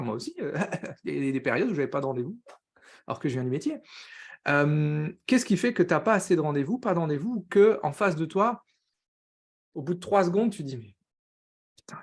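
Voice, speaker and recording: An energetic man runs a live coaching stream in a fast, upbeat patter. His voice sits a bit high for a man, and he peppers his talk with quick English words. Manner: says he talks very fast; upbeat, greets viewers by name, drops English words.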